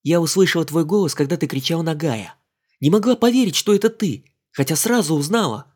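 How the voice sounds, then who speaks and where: A man doing a teasing, lively young woman. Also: fairly high pitch, a little fast, husky, voice pushed up. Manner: playful, mocking, warm.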